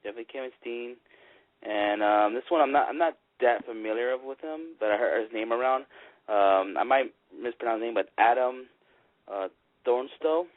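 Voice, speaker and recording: A man's voice: mid-range voice, normal speed, dry recording. A laid-back man co-hosting a wrestling radio show, hesitant and full of fillers. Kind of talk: casual wrestling talk radio. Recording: dry, phone-like lo-fi audio.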